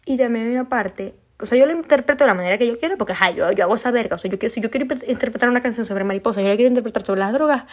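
A young Venezuelan woman with a Venezuelan Spanish accent hosts a casual solo podcast chat, rambling, restarting often, and swearing casually. Her slightly high voice races along with few pauses.

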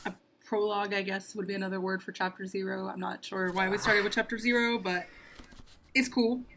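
A woman's voice: medium pitch, flat delivery, a little fast, noisy background. A woman co-hosting a casual book discussion podcast, making dry, sarcastic asides. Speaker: book club podcast co-host. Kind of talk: casual chat.

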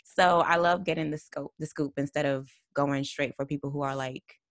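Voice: medium pitch, steady tone, normal speed, fairly bright tone, dry recording. Upbeat giggly young host, dry sound. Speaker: podcast host. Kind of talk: casual interview chat.

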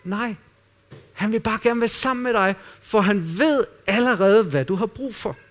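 A man preaching a sermon in an earnest way, dropping at times to quiet, intimate asides. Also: high voice. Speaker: pastor.

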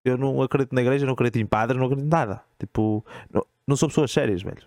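A man's voice: mid-range voice, racing, a little mellow, no echo, clean studio sound. A man with a European Portuguese accent chatting casually and informally, giving his opinions in slangy language. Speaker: podcast host. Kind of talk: casual chat.

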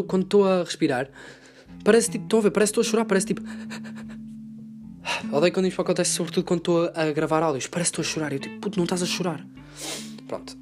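Fast-talking, joking European Portuguese man. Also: on the high side. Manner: rambling, profane, joking rant. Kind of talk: casual rambling monologue. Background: guitar music.

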